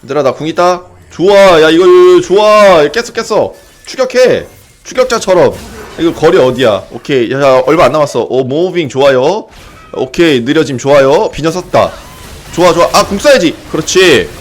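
A young man streaming a video game, giving excited casual commentary, often yelling and swearing during fights. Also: fairly high pitch, normal speed. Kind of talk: excited live gameplay commentary.

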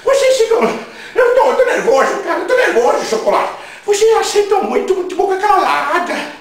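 A man putting on a shrill ranting comic host. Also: sing-song, moderate pace, heavily acted. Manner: shouting, crude, mocking, rambling. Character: brash shrill male comic host, indignant loudmouth. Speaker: comic web radio host. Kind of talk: comic rant. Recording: very echoey room, voice far from mic.

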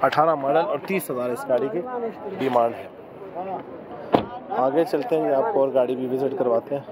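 A man's voice: mid-range voice, fairly even intonation, moderate pace, over a noisy crowd, low-quality recording. A man vlogging outdoors at a car market, chatting casually as he shows used cars to viewers. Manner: chatty, salesman-like, talks buyers through cars. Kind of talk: casual walkaround vlog.

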